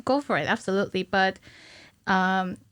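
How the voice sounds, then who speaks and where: Speaking into a close, stand-mounted studio mic in a small indoor podcast studio, this thirtyish woman is an animator guesting on a podcast. Her medium-pitched voice is a bit bright, clear and resonant, moving at normal speed with no room sound. She explains things giggly and informally in casual interview chat.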